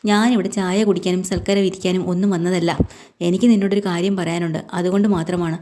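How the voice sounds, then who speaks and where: Brief: woman retelling as a blunt, angry working man, gruff and short-spoken, in a low, mellow tone. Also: flat delivery, fast, lightly acted. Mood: curt, irritated. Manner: gruff and curt.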